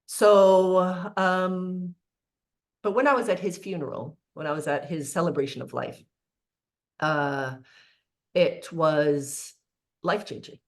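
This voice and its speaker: Low-voiced woman, chatty. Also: fairly even intonation, takes it slowly, pauses often. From Canada (born in South Africa). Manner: chatty and earnest, with frequent "like" and "um" asides. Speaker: leadership speaker. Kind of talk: informal talk to a group.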